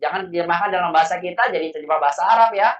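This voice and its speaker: A man's voice: high-pitched, very fast. A man teaching a language class, patiently correcting students and explaining grammar. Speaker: Arabic teacher. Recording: echoey, distant, muffled.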